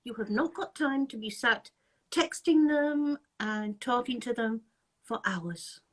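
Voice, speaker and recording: An English woman hosts a relaxed live-chat interview over video call for an anti-scam group. Her voice is on the high side and animated, and she speaks slowly, chatting, laughing a lot and restarting sentences.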